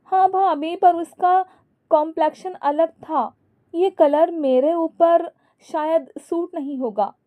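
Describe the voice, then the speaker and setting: A woman's voice: very high-pitched, fairly even intonation, slow, no echo, phone-quality sound, voice pushed up. A woman voicing a shy hesitant young girl. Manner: hesitant, polite. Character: shy young sister-in-law, unsure.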